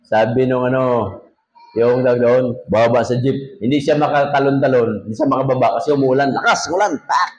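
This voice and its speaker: A man's voice: mid-range voice, brisk, reverberant, dull audio. A man with a Filipino accent, a pastor preaching a sermon, telling jokey stories and reading scripture in English.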